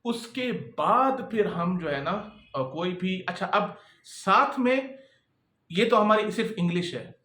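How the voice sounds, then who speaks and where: A man's voice: high voice, animated, takes it slowly, bright, forceful tone. A man coaching freelancers in casual, repetitive talk that keeps checking in with the listener. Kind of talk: casual advice talk to camera. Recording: echoey room.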